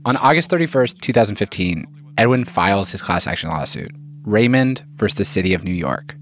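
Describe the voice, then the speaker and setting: A man hosting and narrating a scripted documentary, telling the story in measured phrases with key words stressed. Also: on the low side, animated, faint music behind. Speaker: narrator and host.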